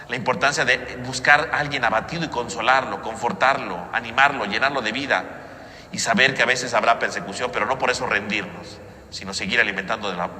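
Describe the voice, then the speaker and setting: Male priest preaching and praying; forceful, bright delivery, cathedral echo. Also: lowish voice. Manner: rhetorical questions and frequent confirming tags. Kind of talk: homily and liturgical prayer. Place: large church, amplified. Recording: echoey church hall with long reverb.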